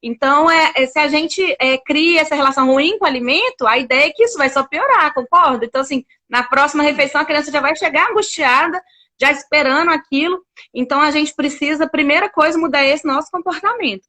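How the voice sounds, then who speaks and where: A woman's voice: high-pitched, a little fast, pushed and bright. A woman hosting a casual conversation, talking to the audience directly with a chatty manner.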